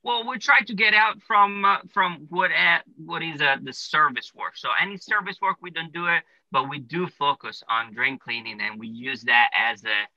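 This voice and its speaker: A fairly high-pitched man with a sharp tone talks at a moderate pace, hardly pausing at all. He's an Italian plumbing business owner with an Italian accent, casually answering interview questions step by step with many "uh" and "you know" fillers. There's no echo, but the recording is rough.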